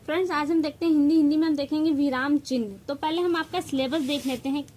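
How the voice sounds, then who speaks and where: A woman's voice: sits high, fairly even intonation, fast, darkish tone, slight background noise, rough recording. A woman teacher with a Hindi accent giving an exam-prep grammar lesson, explaining step by step, stressing key terms and mixing in English words.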